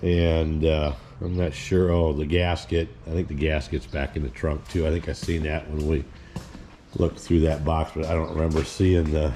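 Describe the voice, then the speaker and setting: A deep-voiced man talks his way through a repair job in his garage, plain-spoken and rambling, stopping and restarting as he works. A faint hiss of noise sits under his voice. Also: level tone, moderate pace, dark tone. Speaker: hobby mechanic and channel host. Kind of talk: casual narration while working on a car. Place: home garage.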